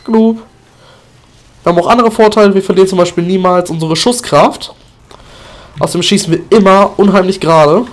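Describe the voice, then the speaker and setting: A man giving live commentary over his own gameplay, excitable and goofy, often breaking into high-pitched yelps and sing-song chants. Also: brisk, long pauses. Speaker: gaming commentator.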